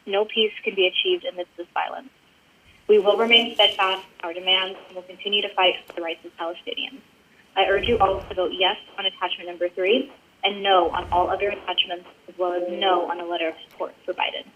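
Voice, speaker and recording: A woman's voice: medium pitch, fairly even intonation, fairly quick, pushed and bright, a little hiss or hum. A woman calling in by phone to a city council meeting, reading a firm, earnest prepared public comment. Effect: heard over a phone line. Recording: muffled phone-line audio.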